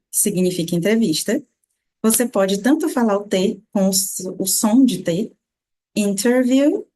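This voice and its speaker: A Brazilian woman with a Brazilian Portuguese accent teaches English pronunciation. She slows down to repeat single sounds and words over and over. Her voice is mellow and dark in tone, at a middle pitch. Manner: slow demonstrative repetition of sounds. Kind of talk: pronunciation lesson.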